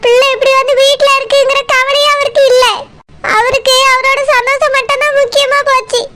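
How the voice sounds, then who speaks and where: A woman's voice: extremely high pitch, flat delivery, brisk. A woman voicing a tearful middle-aged village mother in a cartoon, with a Tirunelveli Tamil accent and a sobbing, pleading way of talking. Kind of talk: cartoon voice acting. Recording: loud background noise.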